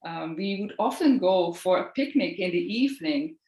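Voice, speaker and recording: A woman from the Netherlands with a Dutch accent, in her thirties, talking earnestly and gently as a podcast guest. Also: fairly low pitch, animated, moderate pace, reverberant. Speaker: podcast guest, Reiki practitioner. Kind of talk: casual interview chat.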